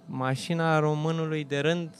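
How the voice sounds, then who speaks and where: A man in casual chat, arguing his point emphatically, with a rough, blunt way of addressing his friend. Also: on the high side, fairly even intonation, slight background noise. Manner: emphatic, argumentative, calls people "bă" and "mă".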